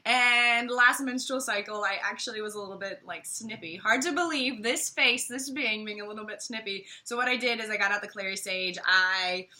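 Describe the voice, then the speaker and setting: A woman's voice: mid-range voice, normal speed, few pauses, sharp tone. An American woman chatting casually about products she carries, bubbly and playful with frequent laughs. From United States. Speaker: co-host.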